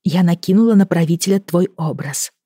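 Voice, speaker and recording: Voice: mid-range voice, fairly quick, dark tone, slightly rough, no room sound, studio quality, pitched above the performer's own voice, natural voice. A reader voicing an anxious, fiery young sorceress girl in an audiobook, with urgent, pleading questions. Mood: troubled. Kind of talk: audiobook character voice.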